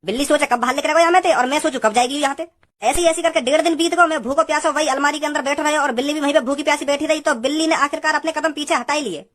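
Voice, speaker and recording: A woman's voice: high voice, very fast, fairly bright tone. A woman voicing a tiny, brash grown man in a cartoon, who tells long boastful stories. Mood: rambling. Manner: boastful rambling storyteller, brash. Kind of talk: cartoon voice acting.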